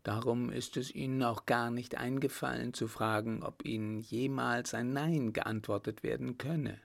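A man's voice: mid-range voice, steady tone, measured pace, vocal fry. A man reading an audiobook, voicing a teasing, composed young noblewoman in a raised, playful voice. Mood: gently lecturing. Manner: lightly mocking, playful.

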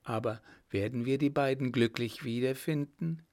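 A man voicing a polite, gentle noblewoman with a softer, higher voice than his narration. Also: normal speed, no echo, clean studio sound, close to an everyday voice.

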